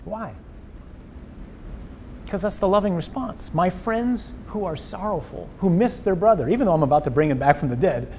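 A man hosting a conversational faith discussion as a priest, his voice mellow and warm in tone. He speaks earnestly and with animation, restarting phrases as he thinks. A faint rumble sits under him, recorded indoors. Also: expressive, moderate pace. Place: indoors before a wall of memorial crosses.

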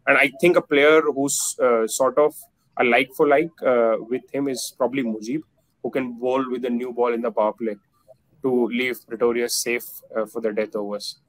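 A man's voice: medium pitch, fairly even intonation, normal speed, fairly bright tone, no echo, poor audio. A man in his thirties giving cricket analysis on a video call, with many fillers and restarts. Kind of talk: casual panel discussion. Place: plain indoor room. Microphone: video call webcam.

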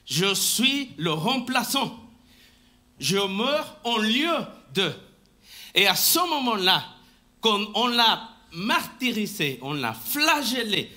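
A man preaching a live sermon in church, slow and emphatic, often restarting his phrases and asking for the next slide. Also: sits high, sharp tone. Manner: talks to the congregation and asks for the next slide. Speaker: pastor. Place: church sanctuary, indoors.

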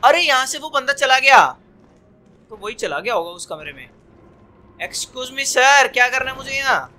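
A young man giving casual, jokey let's-play commentary, excitable and talking back at the game. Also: very high voice, a little slow. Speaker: gaming commentator.

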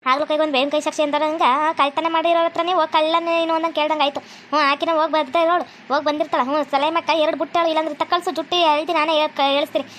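A woman voicing a fussy, scolding village mother in a comedy cartoon. She speaks with a North Karnataka Kannada accent and nags in a rapid stream. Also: high-pitched, little pitch movement, fairly bright tone, a little hiss or hum.

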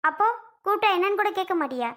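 Woman doing a high, bright-voiced young wife, whiny and defensive. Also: expressive, rapid-fire. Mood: hurt. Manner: pleading, whiny, hurt. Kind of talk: family skit acting.

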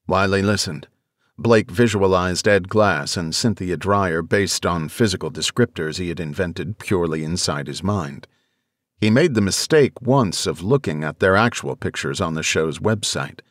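A man reading an audiobook in scripted narration, with measured, even storytelling. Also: sits low, no echo, clean studio sound.

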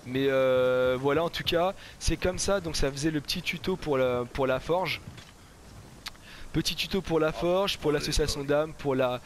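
A man's voice: a little high, normal speed, slight background noise. A man giving casual game commentary as host of a gaming video, chatty, informal and slangy.

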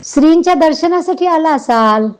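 A woman voicing a blunt, outspoken older aunt who teases and scolds loudly, in a read-aloud novel. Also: high-pitched, animated, normal speed, soft background music, pitched above the performer's own voice. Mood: teasing, scolding. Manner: loud, scolding, exclaiming.

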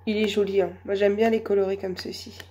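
A woman with a cold and a hoarse voice, chatting slowly and hesitantly through a shopping haul. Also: medium pitch, level tone, warm tone, slight background noise. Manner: hesitant, many fillers, slow and chatty. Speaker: vlogger. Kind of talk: casual shopping haul vlog.

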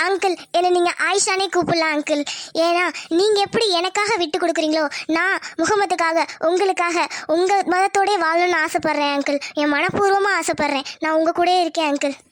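A woman's voice: very high-pitched, steady tone, brisk, fairly bright tone, no room sound, clean studio sound. A woman voicing an earnest young bride in a cartoon, pleading with her new in-laws.

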